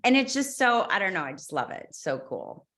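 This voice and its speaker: A woman's voice: mid-range voice, very animated, fast, fairly bright tone. A woman guest, a mother, chatting casually and effusively, exclaiming and restarting her sentences. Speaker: guest, former client and mother. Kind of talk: casual podcast chat.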